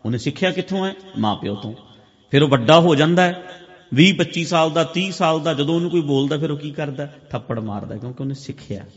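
A man giving a sermon-style talk to a camp audience, repeating phrases for emphasis and swinging between loud and soft. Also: fairly high pitch, expressive, a little fast. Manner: repetitive, emphatic phrasing with big swings in loudness. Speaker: speaker at a meditation camp. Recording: long hall reverb, dull lo-fi sound.

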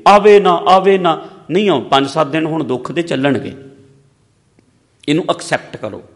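A man giving a sermon, mixing advice with personal stories, swinging between loud emphasis and soft low asides. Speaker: religious preacher. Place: large hall or stage. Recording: long hall reverb.

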